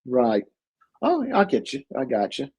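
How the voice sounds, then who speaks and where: In a relaxed movie-review conversation, this male co-host meanders through a film summary, restarting sentences, using plenty of fillers, and frequently laughing. He speaks unhurriedly in a mid-range, darkish voice whose pitch swoops wildly, with a breathy edge.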